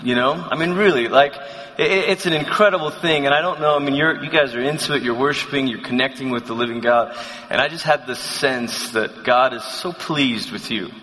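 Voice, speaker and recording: A man's voice: medium pitch, fairly quick, bright, forceful tone. A man in his thirties from Malaysia, telling personal stories to a conference crowd in a chatty, self-deprecating way with many restarts. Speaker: conference speaker. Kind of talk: sermon, personal storytelling. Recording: long hall reverb.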